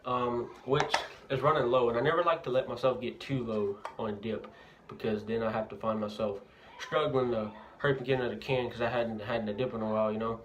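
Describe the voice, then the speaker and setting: A man's voice: mid-range voice, steady tone, brisk, a bit bright. A young man talking casually with a lip full of dip, reviewing a product in a bathroom. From Louisiana, United States. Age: young adult. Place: indoors, bathroom at a house. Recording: noisy amateur bathroom recording, clicks.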